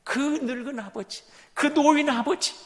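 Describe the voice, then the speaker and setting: A male pastor preaching a sermon, dramatic and swinging between whispers and loud exclamations. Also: extremely high pitch, a little slow, in a large hall. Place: church sanctuary.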